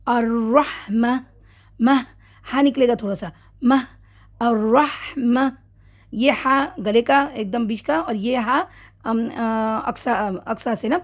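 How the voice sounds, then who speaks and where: A woman with a slightly high voice teaches Quran recitation rules online in a laid-back session. She moves step by step, often asks how her students are following, catches and corrects her own errors, and models drawn-out example words at a slow pace.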